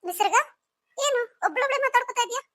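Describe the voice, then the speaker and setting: A gentle older sister in a cartoon story, coaxing and soothing, as a woman puts her on. The voice is very high and bright, and she talks fast. It is recorded close and dry. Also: animated, no echo. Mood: caring.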